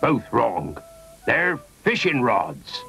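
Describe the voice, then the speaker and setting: A man's voice: mid-range voice, very animated, extremely slow, creaky, bright, forceful tone, heavily acted, rough recording. A man voicing a cheerful, kindly old sailor in a children's radio story. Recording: faint music behind.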